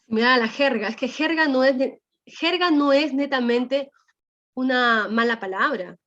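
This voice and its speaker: A woman's voice: high-pitched, normal speed, a bit bright. A woman teacher, explaining a language lesson to her class and often checking in with her students through tag questions. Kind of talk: class lecture. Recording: dull lo-fi sound.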